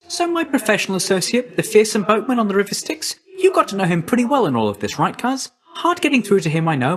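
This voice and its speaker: In video game voice lines, a male actor with a high-pitched voice plays a young messenger god who is quick, chipper, and cheeky. His patter is breezy, chummy, and informal.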